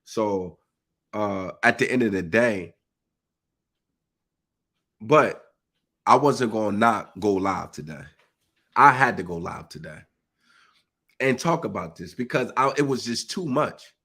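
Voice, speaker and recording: With a stuffy nose leaving his voice congested and slightly husky, this man delivers a heated live-stream monologue. His voice is lively and on the high side, his pace slow with frequent pauses, and his manner preachy, emphatic and informal.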